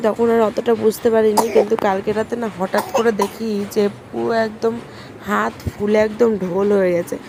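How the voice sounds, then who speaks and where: Soft-spoken homemaker vlogging. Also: female voice, mid-range voice, slight background noise. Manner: talks softly in a hushed voice; chatty, runs through daily chores. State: hot and sweaty. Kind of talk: casual chatty vlog narration. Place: rented village home, indoors and outdoors.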